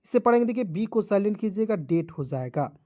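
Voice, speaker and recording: A man's voice: sits high, lively intonation, fast talker, a little mellow. A man teaching English pronunciation in a video lesson, drilling each rule again and again and addressing viewers as friends.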